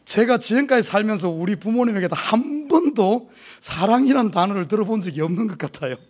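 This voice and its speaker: Speaking briskly in a high-pitched voice, a middle-aged South Korean pastor with a Gyeongsang accent shares an amusing personal anecdote in his sermon. The storytelling is lively and animated, set in a church sanctuary.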